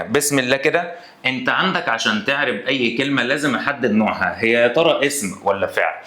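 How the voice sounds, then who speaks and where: A young adult man with an Egyptian Arabic accent teaching a grammar lesson in an animated way, quizzing students with playful asides. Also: medium pitch, reverberant.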